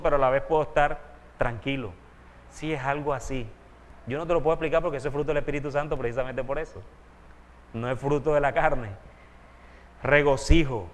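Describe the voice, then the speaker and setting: A pastor preaches in a steady mid-range voice and teaches earnestly, often turning to his listeners with questions. His voice rings out with a long reverb from a church hall. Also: medium pitch. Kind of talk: sermon.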